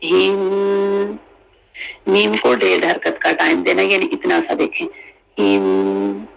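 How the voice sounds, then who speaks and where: Gravelly slow-spoken recitation teacher. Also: medium pitch, rough recording. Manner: drills syllables slowly, repeating each sound many times; mixes in English teaching terms. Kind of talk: tajweed lesson.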